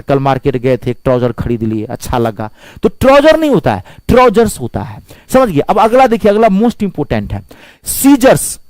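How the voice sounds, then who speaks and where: A man's voice: sits high, a little mellow, dry recording. A man teaching English grammar in a Hindi-language classroom lecture, spelling words out letter by letter and asking his students rhetorical questions.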